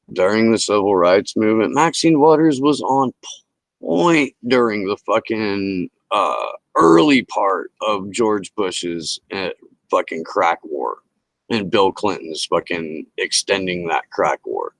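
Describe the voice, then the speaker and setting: A man's voice: deep voice, lively intonation, slow pace, gravelly, dry recording, rough recording. A middle-aged man hosting a livestream, ranting casually and profanely into a headset mic. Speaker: livestream host.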